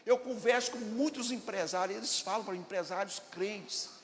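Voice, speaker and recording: In an echoey church hall with faint ambience, a Brazilian man preaches at a moderate pace, his high-pitched voice a bit bright over slight background noise. He speaks Brazilian Portuguese emphatically, putting questions to the congregation and performing dialogues as a pastor.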